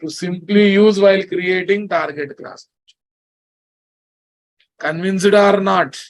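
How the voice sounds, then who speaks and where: Slow-paced Telugu-accented male instructor. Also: high-pitched, steady tone, poor audio. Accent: Telugu Indian English. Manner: repetitive, often checks understanding with listeners. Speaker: programming instructor. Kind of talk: classroom lecture.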